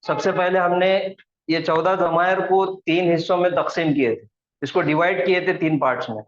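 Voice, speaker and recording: A man's voice: fairly high pitch, fairly even intonation, moderate pace, slight background noise. A man teaching Arabic grammar in a classroom lesson, patiently repeating each point and mixing in English terms. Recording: echoey room, dull lo-fi sound.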